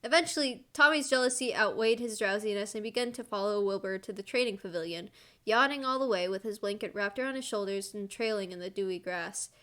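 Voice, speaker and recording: A woman's voice: medium pitch, brisk, a bit bright. A woman streamer reading a fan story aloud and teasing friends on a voice call. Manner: playful, teasing.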